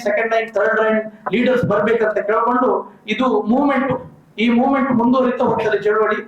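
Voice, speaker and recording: A man who works in medicine, speaking as a community organizer and making an earnest, persuasive public appeal. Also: extremely high pitch. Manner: earnest, persuasive, lists names and figures. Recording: echoey room, distant mic, dull sound.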